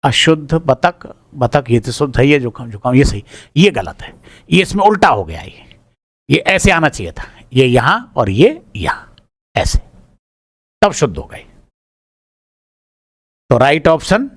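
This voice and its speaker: A male teacher goes through an exam answer key, reading each word aloud and repeating it while he decides if it's right or wrong. He's informal and addresses listeners as "brother." His mid-range voice is husky and sing-song, a little slow with frequent pauses, and there's no echo.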